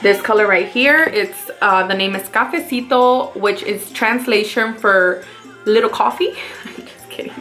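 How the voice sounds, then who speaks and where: A woman's voice: fairly high pitch, bright, forceful tone. A woman with a Mexican accent, chatting casually through a makeup tutorial as a beauty vlogger and talking viewers through each step.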